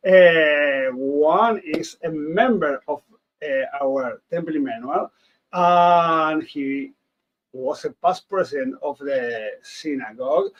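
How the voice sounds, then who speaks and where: A man with a high voice and an Argentine Spanish accent hosts a casual podcast. He talks excitably and repeats words to stress them. The recording is a little dull and lo-fi. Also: slow pace. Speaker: rabbi hosting a podcast.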